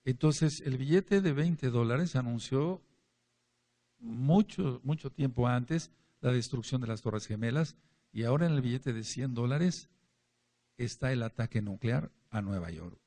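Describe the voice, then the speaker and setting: A man's voice: mid-range voice, measured pace, dark tone. A man preaching a Bible study to a congregation, emphatic, repeating key words and speaking to his listeners directly. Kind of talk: sermon-style Bible teaching.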